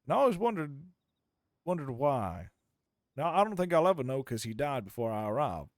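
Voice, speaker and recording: A man's voice: mid-range voice, big pitch swings, moderate pace, no echo, clean studio sound. A man role-playing a reflective Californian drifter in the Old West, with an American accent and a folksy, theatrical way of repeating himself for emphasis. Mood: reflective storytelling. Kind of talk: improvised Western role-play.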